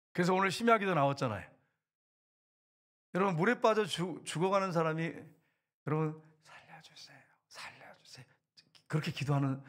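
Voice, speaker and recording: Husky-voiced man preaching a sermon. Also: a little high. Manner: animated preaching, swings between loud outbursts and hushed asides. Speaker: pastor.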